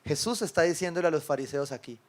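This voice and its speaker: High-voiced pastor preaching. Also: male voice, fast talker, darkish tone. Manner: conversational, often asks the congregation for agreement; tells stories with quoted dialogue and chuckles. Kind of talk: sermon. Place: church service with a congregation.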